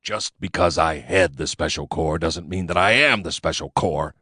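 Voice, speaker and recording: A man voicing a gruff older male chief of a secret agency, snarling and grumbling his lines. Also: low-pitched, normal speed, bright, forceful tone, dry recording, studio quality, full character voice.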